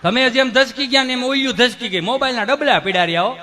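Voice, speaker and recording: A man telling comic folk stories on stage, putting on squeaky voices for other people. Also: quick pace, pushed and bright. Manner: acts out other voices in high squeaky tones. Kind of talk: Gujarati dayro stand-up storytelling to a live audience.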